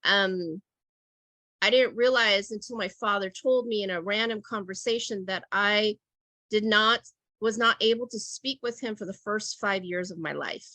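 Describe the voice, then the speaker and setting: A woman's voice: mid-range voice, sharp tone, dry recording. A middle-aged woman leading an online teacher workshop over a video call, talking reflectively and checking in with "right?" and "okay?".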